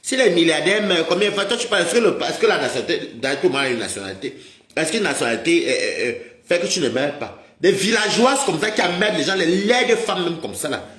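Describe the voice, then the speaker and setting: A man's voice: a little high, animated, quick pace, fairly bright tone. Roomy-sounding agitated man ranting. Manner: mocking, scolding, repeatedly addresses viewers as maman. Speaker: livestream host. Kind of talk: heated livestream rant to viewers.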